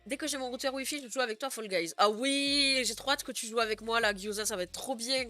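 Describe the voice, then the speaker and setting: A woman's voice: a little high, fairly quick, bright, forceful tone, soft background music. A young woman streamer chatting casually with her viewers, giggling often and filling her talk with "euh" and "genre". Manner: chatty, giggly, many fillers. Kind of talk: casual live stream chat.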